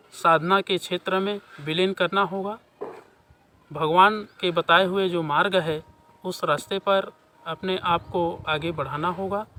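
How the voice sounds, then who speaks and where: A man's voice: high-pitched, bright, forceful tone. A man from India giving a devotional sermon and addressing his listeners with emphatic, declaiming delivery. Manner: emphatic, declamatory delivery with long lists of reverent epithets. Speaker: spiritual speaker. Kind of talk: devotional sermon with mantra chanting.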